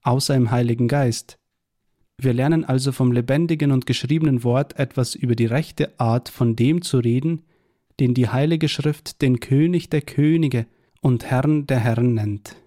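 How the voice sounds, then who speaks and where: A man with a warm, mellow voice reads a devotional Bible tract aloud. His delivery is measured and earnest, weaving in scripture quotations at a middle pitch. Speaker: preacher reading a tract.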